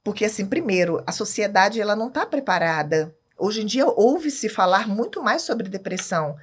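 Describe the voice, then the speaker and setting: A Brazilian woman appears as a podcast guest, speaking emphatically and candidly with a Brazilian Portuguese accent, and she keeps asking "entende?" to check that the listener follows. Her medium-pitched voice is sing-song, at normal speed, with a breathy edge.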